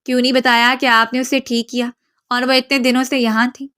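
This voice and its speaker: A woman voicing a caring younger sister who speaks softly and gently. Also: a little high, flat delivery, clear, resonant tone. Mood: gentle. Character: caring younger sister, soft-spoken and questioning.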